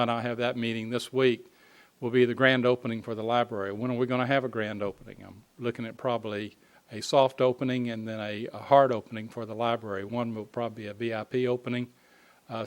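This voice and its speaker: A man giving an informal spoken report at a city council meeting, pausing often on fillers and restarting phrases. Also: mid-range voice. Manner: halting, frequent uh fillers and restarts. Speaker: city staff presenting a construction update to council.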